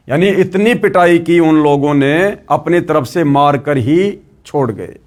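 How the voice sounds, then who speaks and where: Speaking slightly high for a man, a religious storyteller narrates a devotional tale and breaks off to preach, earnestly addressing his brothers and sisters.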